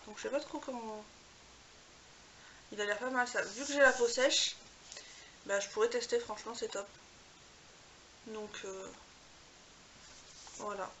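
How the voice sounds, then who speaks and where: A woman beauty vlogger talks casually to camera and gushes over each gift in a fairly high voice. Her chat is loose and full of little fillers. A steady hiss and small clicks sit under the voice. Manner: gushing, chatty, filler-heavy.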